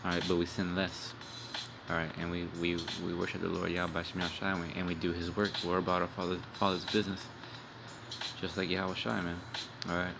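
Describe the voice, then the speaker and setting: This is a low-sitting, creaky male voice with little pitch movement, moving fairly quickly. The young street preacher rambles through a casual video sermon, blunt and profane, ending phrases with "man" and "all right," while music runs underneath.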